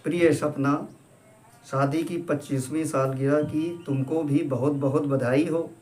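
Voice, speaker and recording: A man voicing an affectionate middle-aged husband, gentle and coaxing, in a storybook reading. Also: fairly high pitch, steady tone, measured pace, faint music behind, close to an everyday voice. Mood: tender.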